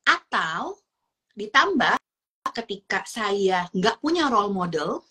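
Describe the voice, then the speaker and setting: A woman's voice: mid-range voice, slow pace, breathy edge. A woman explaining child emotions in a chatty, casual way, mixing in English words. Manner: lively, acts out little dialogues in shifting voices. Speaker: parenting educator.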